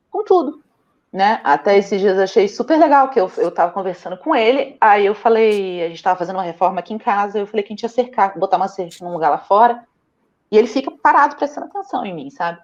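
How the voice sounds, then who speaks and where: A woman's voice: medium pitch, fast, dull audio. A young Brazilian woman with a Brazilian Portuguese accent, a mother talking casually in an interview and telling stories with animation and frequent laughter. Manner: animated storytelling, laughs often.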